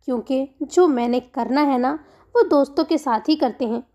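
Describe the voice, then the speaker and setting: Cheeky young woman prankster, playful mock-innocent tone, high voice, read by a woman. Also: moderate pace, warm tone, highs cut off, lightly acted. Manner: teasing and sweetly innocent-sounding.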